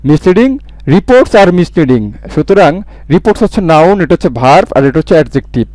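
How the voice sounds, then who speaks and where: A man's voice: a little high, sing-song, moderate pace, a little mellow, dry recording. A man teaching an exam-prep English grammar lesson, repeating key words and asking and answering his own questions. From Bangladesh.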